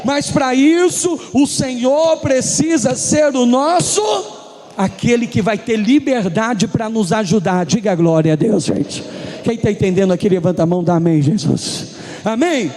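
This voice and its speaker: A man preaches a sermon in a high voice, acting out the lines of the people in his story and now and then breaking into a shout. He is recorded in a church hall that rings with a long reverb. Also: unhurried. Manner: preaching to a congregation, acting out dialogue, rising to shouts. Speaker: pastor.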